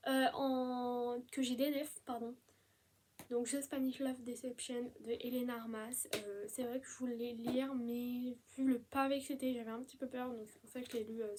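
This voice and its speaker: A young woman chatting casually about the books she read, gushing with enthusiasm and filling pauses with "euh". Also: high voice, warm tone. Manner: enthusiastic, gushing, many fillers. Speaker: book vlogger. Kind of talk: casual book review chat.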